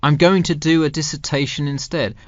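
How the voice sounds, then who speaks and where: A man's voice: on the high side, steady tone, fairly quick, no echo, muffled recording, close to an everyday voice. A man playing a university student in a scripted, carefully enunciated textbook dialogue. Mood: explaining, earnest. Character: male university student discussing his dissertation with an adviser. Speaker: student in a listening-test dialogue.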